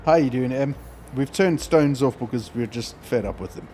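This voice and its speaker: A man's voice: medium pitch, moderate pace, dark tone, a little hiss or hum. A man with an Australian accent who streams games, chatting casually and joking with a friend. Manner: joking, laughs often. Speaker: game streamer. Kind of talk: casual gaming chat.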